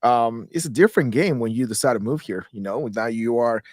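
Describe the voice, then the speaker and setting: A man from Guatemala in his thirties talks as an interview guest in a mid-pitched voice. He rambles and restarts words as he goes. The recording is close and very dry, with no room sound. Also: brisk, a little mellow, no room sound. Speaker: guest, real estate investor. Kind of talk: casual interview talk.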